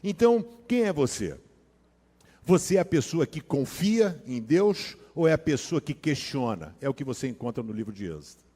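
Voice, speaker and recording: A Brazilian man preaches in a casual, slang-filled way, dropping to hushed asides and then rising into loud, dramatic storytelling. His voice sits fairly high for a man. Long reverb from a large hall trails after his words. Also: very animated, moderate pace. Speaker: pastor. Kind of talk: sermon with personal storytelling.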